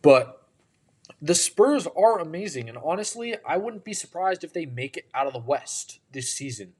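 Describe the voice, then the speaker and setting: A tired man hosting a podcast, giving opinionated casual sports commentary with a drawn-out delivery. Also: fairly high pitch, very animated, a little mellow, husky. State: tired, yawning. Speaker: podcast host.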